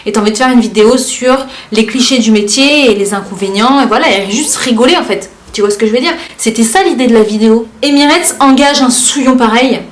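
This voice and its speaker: Woman vlogger, former flight attendant, casual and animated, slightly high voice, echoey room. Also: fast talker, hardly any pauses. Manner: animated, talks straight at the viewer with many fillers. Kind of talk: casual chatty vlog, reading out comments. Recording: roomy echo.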